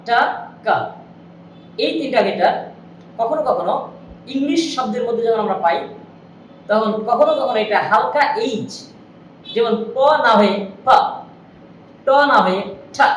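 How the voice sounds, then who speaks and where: A woman with a somewhat high voice teaches pronunciation, slow and patient, and she repeats each example sound over and over. She sits back from the mic in a roomy, echoing space with faint noise underneath. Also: recorded from a distance. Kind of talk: spoken lesson. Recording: echoey room, voice from off-mic.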